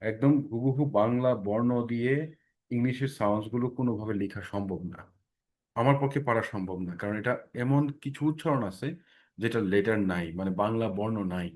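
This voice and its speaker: A man's voice: mid-range voice, a little fast, darkish tone. Man, pronunciation teacher, online class, repeats sounds, checks in often. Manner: explains patiently, repeating sounds many times and checking in with "ঠিক আছে?".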